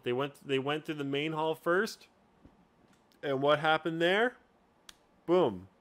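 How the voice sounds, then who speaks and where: A man's voice: on the high side, a bit bright. A man hosting a casual tutorial as a game master, talking in a rambling way with lots of restarts. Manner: rambling, full of fillers and restarts. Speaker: game master and channel host.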